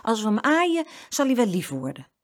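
A woman's voice: on the high side, sing-song, moderate pace, pitched above the performer's own voice. A woman voicing a curious little girl in a storybook reading, with eager, lightly raised questions.

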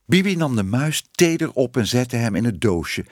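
A man reading a children's storybook aloud in an expressive, animated way. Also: mid-range voice, moderate pace, no echo, clean studio sound. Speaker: narrator.

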